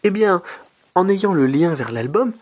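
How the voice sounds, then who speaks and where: Husky-voiced man from France, talkative advice host, lots of fillers. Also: measured pace. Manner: chatty, many fillers and restarts, lively pitch jumps. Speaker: YouTube host. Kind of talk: casual advice monologue.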